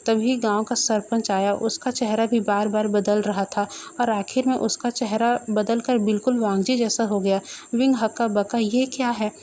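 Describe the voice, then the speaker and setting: A woman telling a comic horror fan story in a lively, playful storytelling manner. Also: medium pitch, moderate pace, slight background noise.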